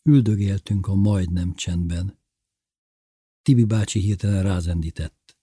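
Low-voiced, husky male storyteller. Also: dark tone, dry recording, studio quality. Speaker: narrator. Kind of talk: scripted audiobook narration.

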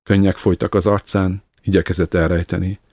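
Egy férfi nyugodt, kimért hangon olvas fel egy irodalmi elbeszélést. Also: male voice, deep voice, no echo, clean studio sound. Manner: calm, measured reading. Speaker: narrator. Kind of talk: scripted narration of a literary story.

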